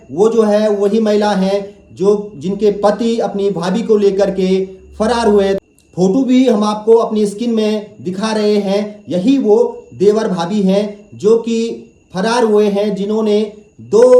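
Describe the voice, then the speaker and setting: A male news reporter with a fairly high but dark, mellow voice introduces the story and questions his guest. His delivery is steady, with occasional fillers as he phrases his questions. The room adds a noticeable echo. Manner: steady reporter delivery with fillers, calmly asks her to speak slowly.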